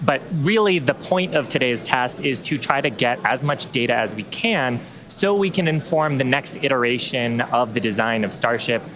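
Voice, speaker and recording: A man's voice: mid-range voice, expressive, moderate pace. Male presenter with a crowd behind. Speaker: webcast co-host. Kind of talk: live broadcast presenting. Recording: clear crowd noise behind.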